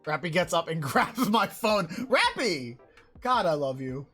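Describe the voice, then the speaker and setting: Woman streamer, casual game commentary, excitable and foul-mouthed, faint game music underneath. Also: lowish voice, a little slow, husky. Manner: excitable, swears a lot, shouts in surprise.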